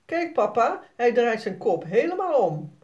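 An eager, excited little boy from a storybook, voiced by the narrator. He speaks high and bright, far above the reader's own pitch, with a lively bounce. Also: a little slow, dull audio. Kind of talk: storybook read-aloud.

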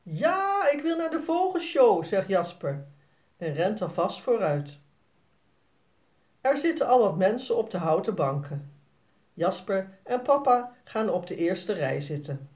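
A children's storybook narrator who reads slowly and clearly. The delivery is expressive, with a lively, melodic rise and fall. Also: medium pitch. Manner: slow, expressive reading for children. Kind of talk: storybook read-aloud.

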